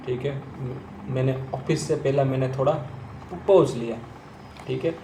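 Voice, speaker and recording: A man gives a slow, deliberate lesson on stammering, often repeating the first sounds of words as he stammers. His pace is very unhurried, with long pauses. The room is roomy and echoey, with a faint hum of ambience behind him. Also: medium pitch, a little mellow. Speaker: stammering coach. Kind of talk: instructional talk to camera.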